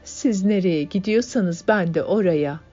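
A worried old mother speaks in brief, plain, anxious phrases, as a woman reads her in an audiobook. The voice is low-pitched, and the recording is dull and lo-fi. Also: measured pace, dark tone, husky. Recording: dull lo-fi audiobook, faint music.

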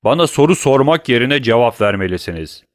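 A man's voice: medium pitch, expressive, a little fast, dry recording, clean studio sound, lightly acted. A man voicing a stern middle-aged male prosecutor in an audiobook, accusing in a cold, cutting manner. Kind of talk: audiobook reading.

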